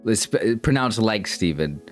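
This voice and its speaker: A young man talks casually with his livestream viewers in a fairly low, expressive voice at a measured pace, with faint music behind him. He's rambling and self-conscious, often stumbling and starting sentences over.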